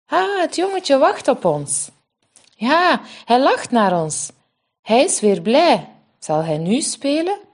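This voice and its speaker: Woman doing little twin girls, childlike, high and excited, storybook voice. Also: slow, heavily acted.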